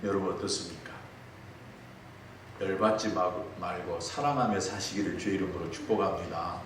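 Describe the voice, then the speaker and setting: A male pastor preaching a sermon in a church, telling stories in a lively way. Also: low-pitched. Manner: storytelling, lively. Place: church sanctuary. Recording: echoey hall, distant mic, faint noise.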